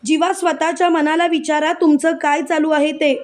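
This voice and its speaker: Brief: high-voiced, loud, indignant young wife, read by a woman narrator, a betrayed wife in a story recap. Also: little pitch movement, normal speed, close to an everyday voice. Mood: furious. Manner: loud, indignant, repeating herself.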